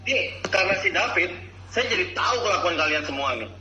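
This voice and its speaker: A man's voice: high voice, lively intonation, quick pace, bright, forceful tone, a little hiss or hum, exaggerated voice. An Indonesian man playing an angry, sarcastic boss scolding his staff in a meeting. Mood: indignant, sarcastic. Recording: roomy, echoey, dull lo-fi sound.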